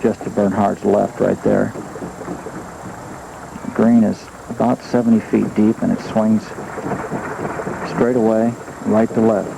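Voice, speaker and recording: A man with a low, creaky voice gives live golf commentary. It sounds like an old outdoor TV broadcast with clear noise behind him. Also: level tone, slow, long pauses. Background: outdoor ambient noise.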